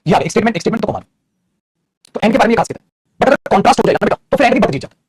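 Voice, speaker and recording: A man gives a grammar lecture at a headlong pace. His voice sits high and sounds a little husky. The sound is dry and close, with no room around it. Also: big pitch swings, no room sound. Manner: rapid and explanatory, addresses students as "beta", often asks "theek hai?". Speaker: English grammar teacher. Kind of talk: classroom lecture in Hindi mixed with English.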